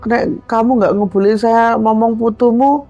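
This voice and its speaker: A woman with a Javanese accent voicing a possessive old male ancestral spirit who speaks in slow, commanding tones. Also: on the high side, fairly even intonation, mellow, muffled recording, faint music behind, voice pushed up, lightly acted. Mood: imperious.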